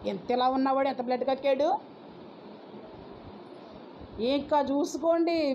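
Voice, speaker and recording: High-pitched lady preaching, scolds and tells her story all dramatic, kinda muffled recording with a little hiss. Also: warm tone. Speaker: pastor's wife. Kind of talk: sermon testimony. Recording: dull lo-fi recording with faint noise.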